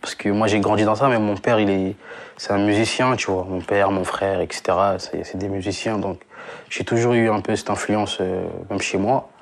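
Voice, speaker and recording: A man's voice: lowish voice, moderate pace. A young man from Congo, a singer, chatting casually in an interview, slangy and full of restarts and fillers. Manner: relaxed slangy talk with many restarts and fillers. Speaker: singer guest.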